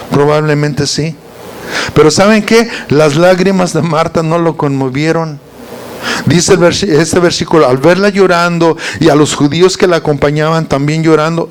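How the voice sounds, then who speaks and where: A man with a somewhat high voice leads an informal Bible study. He reads verses aloud and keeps stopping to put rhetorical questions to his group. A faint hiss sits under the recording.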